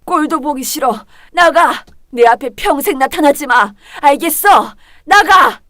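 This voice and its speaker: A woman's voice: normal speed, no room sound, studio quality, natural voice. Woman voicing a furious shrieking mother. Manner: shrill, yelling, scolding. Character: furious middle-aged mother disowning her daughter.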